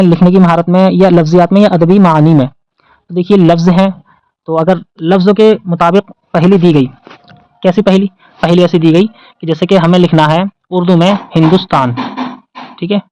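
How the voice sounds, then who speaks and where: A man with an Indian Urdu accent talks through exam questions like a patient tutor. He reads out each option again and then answers his own questions. His voice sits high and rings smooth and clear, recorded dry and close with no room sound. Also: a little mellow, no echo, muffled recording. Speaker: exam-prep teacher. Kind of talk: explaining test questions.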